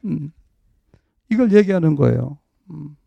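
A man's voice: fairly high pitch, animated, unhurried, creaky, dry recording, highs cut off. A middle-aged male pastor preaching a sermon, conversational and jokey in tone.

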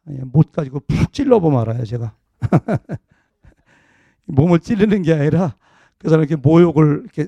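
A man's voice: on the high side, vocal fry, mellow, no room sound, highs cut off. A middle-aged male pastor preaching a sermon, conversational and jokey in tone.

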